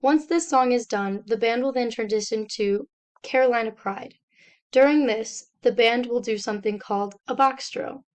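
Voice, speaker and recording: A young woman, a student, reading a slide presentation aloud in a steady, step-by-step explanatory way. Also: fairly high pitch, normal speed.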